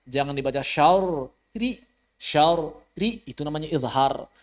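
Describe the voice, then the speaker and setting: A man teaching Quran recitation rules in an online class, explaining plainly and chanting example words slowly. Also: fairly high pitch. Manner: addresses students directly, invites questions. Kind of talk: online tajwid lesson. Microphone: online class recording.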